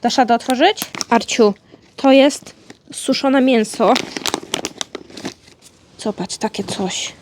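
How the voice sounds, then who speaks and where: A woman's voice: on the high side, slow, pauses often, background noise. A woman chatting playfully with her dog while opening his birthday presents, coaxing him in a sweet pet-talk way. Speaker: vlogger, dog owner. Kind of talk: casual chat to her dog. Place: indoors at home with her dog.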